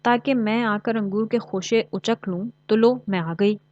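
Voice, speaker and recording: A woman's voice: medium pitch, steady tone, a little slow, darkish tone, dry recording, close to an everyday voice. A cunning, greedy she-fox from a storybook, voiced by a woman, sly and wheedling in her pleas. She sounds close and dry, on a slightly dull recording.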